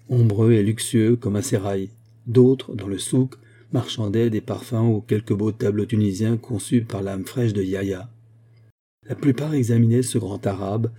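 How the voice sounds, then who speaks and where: A man reading a literary story aloud as narrator, in a measured, even manner. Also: on the low side, breathy edge. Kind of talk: audiobook narration.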